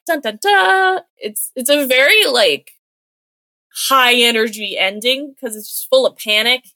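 Bright-voiced woman chatting in a dry room. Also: fairly high pitch, no echo. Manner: chatty, filler-heavy retelling with quick acted-out quotes. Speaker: podcast co-host. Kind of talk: casual chat recapping a comic book.

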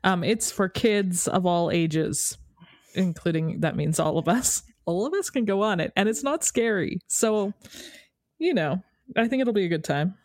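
A woman from Canada co-hosting a podcast in casual chat, enthusiastic and quick to laugh. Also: mid-range voice, lively intonation, no echo, studio quality. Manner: warm, enthusiastic, laughs easily. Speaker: podcast co-host.

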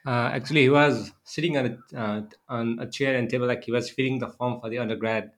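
A man's voice: medium pitch, steady tone, fairly quick. A young man from Nepal with a Nepali accent, a friendly interview guest who often restarts his sentences. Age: young adult. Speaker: guest, filmmaker and student. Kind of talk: interview answers.

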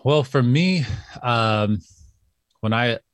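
A man answering as a podcast guest, thoughtful and hesitant, often pausing and starting sentences again. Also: mid-range voice, animated, no room sound. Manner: thoughtful, hesitant, many fillers and restarts. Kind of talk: casual interview chat.

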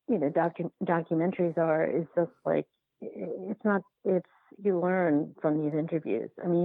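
Interviewed about her documentary work, a woman with a lowish, gravelly-fried voice talks casually, circling back and rewording as she thinks aloud. The audio comes through a narrow, phone-like line and sounds close and dry.

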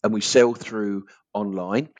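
Low-voiced Essex man. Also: steady tone, takes it slowly, a little mellow, dry recording. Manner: chatty, informal. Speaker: podcast guest, business owner. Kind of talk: conversational interview.

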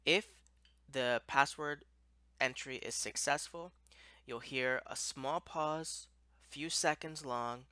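Male instructor for a step-by-step walkthrough: plain-spoken, crisp bright tone, close dry sound. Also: medium pitch, slow pace, dry recording. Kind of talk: explanatory software walkthrough.

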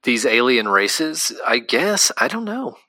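A man co-hosting a casual podcast about comics, talking in animated quick bursts full of fillers. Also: medium pitch, no room sound. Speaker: podcast co-host. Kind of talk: casual chat.

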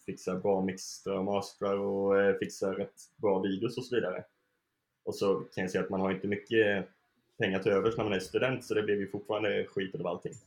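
Laid-back young man, low voice, echoey room. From Sweden. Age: young adult. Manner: relaxed, laughs often, many fillers. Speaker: band member, guest. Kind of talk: casual interview chat.

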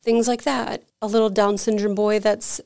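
A woman's voice: mid-range voice, moderate pace, gravelly. A woman who runs an energy healing center, telling anecdotes in casual, chatty talk full of "like" as a podcast guest. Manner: chatty, peppered with "like", animated anecdotes. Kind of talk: casual conversational storytelling.

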